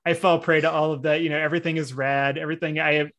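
A man in his forties, a writer appearing as a guest on a casual podcast, talks in a laid-back, rambling way, laughing often and dropping surfer slang. His voice sits a little high with little pitch movement, and he races along with a slightly bright tone.

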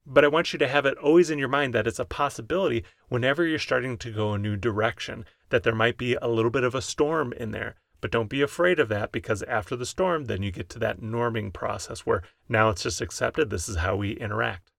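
A man's voice: medium pitch, a little fast, vocal fry, hardly any pauses, a bit bright, no room sound, clean studio sound. A man with an American accent giving conversational, explanatory advice as a podcast co-host. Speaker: podcast co-host, mental health provider.

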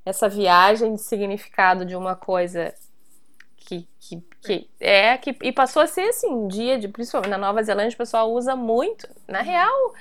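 A woman's voice: medium pitch, lively intonation, moderate pace, a bit bright. A woman from Brazil, hosting a casual interview and explaining things in a chatty way. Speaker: host.

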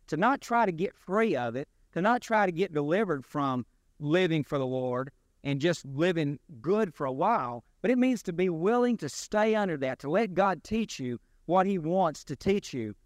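A man preaching a sermon as pastor, in a deliberate, emphatic delivery with rising and falling stresses. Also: a little high, lively intonation, no echo, clean studio sound.

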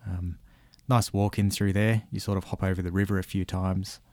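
A man with a deep voice and a broad Australian accent talks in an easygoing, colloquial way. He gives casual travel advice, and the recording is dry with very little room sound. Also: flat delivery, normal speed, darkish tone, no room sound. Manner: laid-back, colloquial. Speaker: guest recounting an outback road trip.

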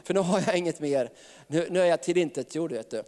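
Male preacher, slightly high voice, chatty sermon full of chuckles, long reverb. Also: dark tone. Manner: chatty, laughs often, tag questions.

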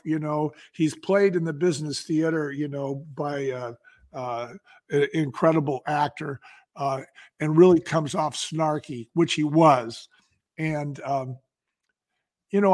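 A male company founder sharing business stories as an interview guest. His voice sits a touch higher than most men's, and he talks emphatically and folksily, hammering home points by repeating phrases. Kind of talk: animated storytelling in an interview.

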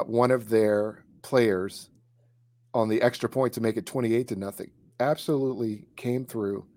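A man's voice: on the low side, dry recording. A man telling a story in a casual chat, with many fillers and restarts. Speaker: co-host recalling high school kicking.

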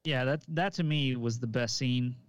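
A man's voice: medium pitch, moderate pace, no echo. A man who coaches, co-hosting a casual podcast chat in an easygoing, hedging way full of "like" and "um".

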